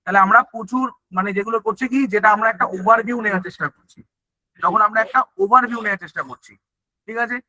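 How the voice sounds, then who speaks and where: Poor audio with no room sound carries a man's high, sharp voice talking fast. He's a teacher running an online exam-prep lecture, often posing and answering his own questions, mixing English terms into Bengali, and frequently asking "ঠিক আছে?" ("okay?").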